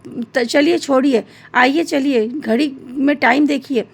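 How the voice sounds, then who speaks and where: A woman's voice: sits high, slow, gravelly, exaggerated voice. A woman voicing an irritable, impatient mother in a storybook tale, scolding her son sharply. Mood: irritated.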